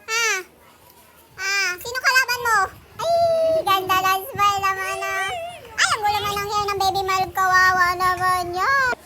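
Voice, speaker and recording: A woman's voice: very high voice, moderate pace, very noisy. A young woman filming her baby at home on a phone, talking in playful, cooing baby talk and laughing often. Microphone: phone camera.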